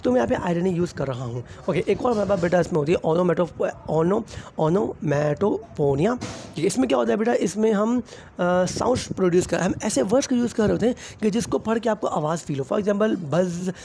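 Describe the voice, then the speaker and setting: Speaking quickly and animatedly, a young male teacher with a Pakistani Urdu accent walks students through a lesson. His high voice is creaky and darkish, he blends in English terms and frequently says "theek hai," and some background noise can be heard.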